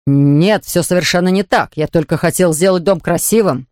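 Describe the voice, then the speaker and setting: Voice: mid-range voice, normal speed, no echo, clean studio sound, lightly acted. A reader doing an angry, defensive husband. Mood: pleading. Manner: shouting, then pleading.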